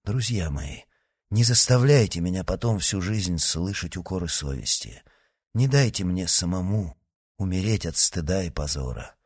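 A man voicing a dignified older nobleman who speaks softly and earnestly. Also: sits low, lively intonation, moderate pace, breathy edge. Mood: imploring. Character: noble older count, gentle and merciful.

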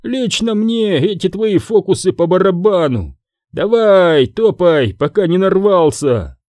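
A man reads as a hulking goblin bouncer, gruff and dismissive, barking his warnings high and loud. The voice carries a dark, mellow tone and sits in a dry recording. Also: sing-song, measured pace, no room sound. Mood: mocking, threatening.

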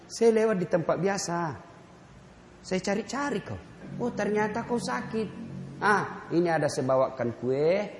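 A man voicing a gentle, calm, forgiving man in a sermon story, soft and reassuring. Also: high voice, unhurried, background noise. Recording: echoey hall reverb.

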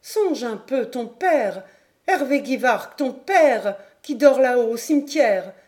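A woman's voice: fairly high pitch, animated, slow pace, darkish tone, voice pushed up. A woman voicing a firm, motherly old innkeeper scolding a drunk, for an audiobook. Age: older.

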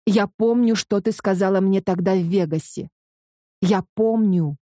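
A woman's voice: medium pitch, measured pace, mellow, dry recording, studio quality, close to an everyday voice. A woman voicing a hurt, insistent young man who is pleading with his lover in an audiobook.

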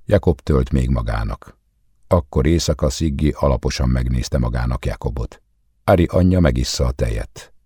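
A man calmly reading literary fiction aloud as an audiobook narrator, measured and even. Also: very deep voice, husky, no echo, studio quality. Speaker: audiobook reader.

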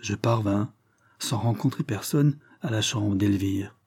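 A man giving a solemn, measured, expressive dramatic reading of a literary text. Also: fairly low pitch, slightly rough. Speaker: reader.

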